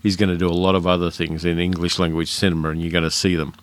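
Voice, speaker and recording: Here the film podcast host speaks low and fast with little pitch movement, in an educated Australian accent. Recorded without room sound, his casual solo talk is candid, with plenty of fillers and restarts.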